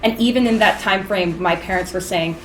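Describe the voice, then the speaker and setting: A woman's voice: fairly low pitch, brisk, a little hiss or hum, low-quality recording. A young woman, a podcast guest, chatting casually and animatedly, with many "like" fillers. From Singapore, then US and Hong Kong. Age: young adult. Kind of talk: casual chat.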